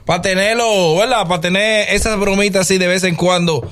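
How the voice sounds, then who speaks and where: A man's voice: high-pitched, fairly even intonation, normal speed, fairly bright tone. A man hosting a morning radio show, wrapping up a segment in joking banter.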